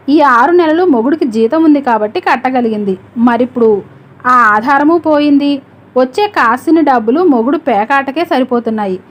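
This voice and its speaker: A woman narrating an audiobook story in a steady, measured reading voice. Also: sits high.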